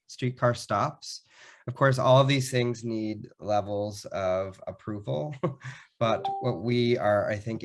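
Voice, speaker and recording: A man giving a slide presentation about a public art program, his voice sick, talking haltingly with frequent ums and restarts. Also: medium pitch.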